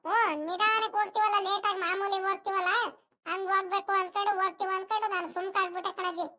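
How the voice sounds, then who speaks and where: A voice actor playing a whiny village schoolboy in an animated cartoon, complaining in rural speech. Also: extremely high pitch, very fast. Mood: whining.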